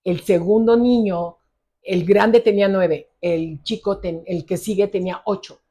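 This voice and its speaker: A woman's voice: medium pitch, steady tone, unhurried, mellow, husky. A middle-aged woman psychologist with a Mexican accent, telling a case story in a conversational interview and acting out the dialogue. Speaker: psychologist specializing in ADHD.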